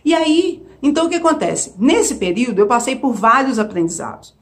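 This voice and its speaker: A Brazilian woman vlogger telling a personal story in a casual, expressive way, full of emphatic asides and rhetorical questions. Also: high-pitched, brisk. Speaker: vlogger sharing her caregiving experience.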